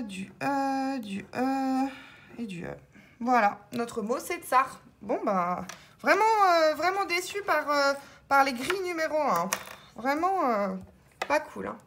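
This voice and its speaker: Chatty woman slowly scratching lottery tickets. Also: high-pitched, lively intonation, a bit bright, a little hiss or hum. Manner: chatty, thinks aloud, spells out letters. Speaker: scratch-card vlogger. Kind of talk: casual commentary while scratching tickets.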